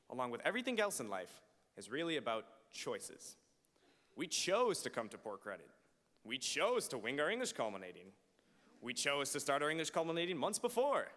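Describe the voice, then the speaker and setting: A man in his late teens giving an emphatic, deliberate graduation speech as valedictorian at a podium microphone in a large auditorium. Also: mid-range voice, bright, forceful tone. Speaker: high school valedictorian. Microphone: podium microphone on a stand. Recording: reverberant hall through PA microphone.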